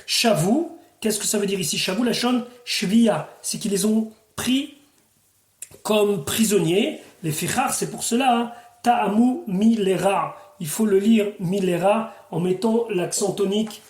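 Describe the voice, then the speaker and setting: A man's voice: high voice, measured pace, darkish tone, roomy sound. A man, a rabbi, teaching the weekly Torah portion verse by verse, reading Hebrew phrases and then translating and explaining them.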